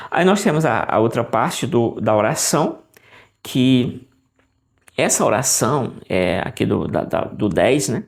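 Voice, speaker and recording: A man teaching a casual Bible lesson, thinking aloud with restarts, often adding "né?" and sounding out Greek words slowly. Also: mid-range voice, vocal fry. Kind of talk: casual lesson walking through Greek text on screen.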